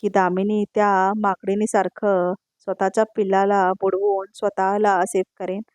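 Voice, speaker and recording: A woman's voice: medium pitch, level tone, normal speed, darkish tone, no room sound, close to an everyday voice. Shrewd scheming lady lawyer, read by a woman. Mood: insistent. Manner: insistent, persuasive.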